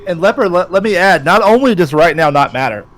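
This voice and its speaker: A man co-hosting a live gaming stream, chatting casually and quickly. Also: high voice, expressive, a bit bright. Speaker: co-host.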